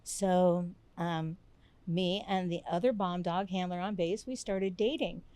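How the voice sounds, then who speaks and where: An older woman, a podcast guest, telling lively stories in casual conversation, acting out quotes and laughing often. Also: lowish voice, measured pace, clean tone, no echo. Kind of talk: casual interview storytelling.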